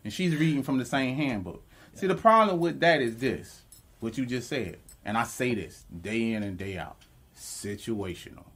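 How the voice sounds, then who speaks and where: Blunt, animated male podcast co-host. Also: mid-range voice, moderate pace, husky. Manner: blunt, profane, animated, laughs while arguing. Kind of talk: casual debate chat.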